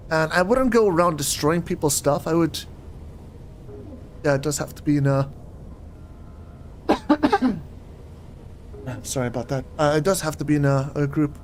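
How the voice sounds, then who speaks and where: A man's voice: fairly high pitch, animated, moderate pace, pauses often, a little hiss or hum. A young man streaming a game, chatting in a rambling way and often getting puzzled, recorded on a desk microphone at home. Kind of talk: casual live-stream chat while playing.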